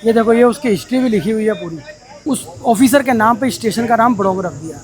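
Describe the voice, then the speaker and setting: A man vlogging a mountain toy train ride, talking casually and excitedly to his viewers. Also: high-pitched, quick pace. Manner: chatty, excited, addresses viewers as brothers. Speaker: travel vlogger. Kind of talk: casual travel vlog narration. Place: aboard a mountain toy train and on station platforms.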